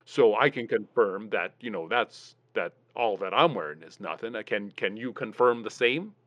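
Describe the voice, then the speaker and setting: A man's voice: lowish voice, lively intonation, normal speed, dry recording. A man hosting a comic podcast and talking over the phone, rambling in a folksy way with plenty of "you know" and "uh". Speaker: podcast host. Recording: dull, dry phone line sound.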